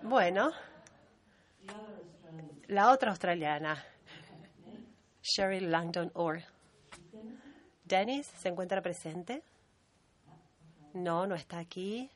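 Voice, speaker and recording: Low-voiced woman interpreting a meeting. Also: lively intonation, takes it slowly, pauses often. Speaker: conference interpreter.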